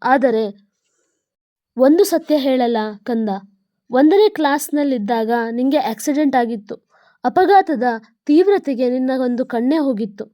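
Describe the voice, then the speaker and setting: A woman's voice: high-pitched, animated, a little slow, pauses often, dark tone, no room sound, studio quality. A woman voicing a dying old mother who pleads tenderly with her son in a letter. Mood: tender, pleading.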